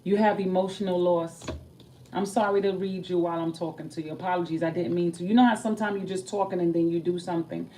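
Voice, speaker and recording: A young woman with a low, mellow voice chats in a loose, streetwise way while she reads tarot cards. She gets lively when she tells stories. She sits a little away from the mic, and there is a faint hiss behind her. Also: fast talker. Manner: chatty, streetwise, animated when telling stories. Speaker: tarot reader. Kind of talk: casual chat and tarot reading. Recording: voice a bit far from the mic, faint background noise.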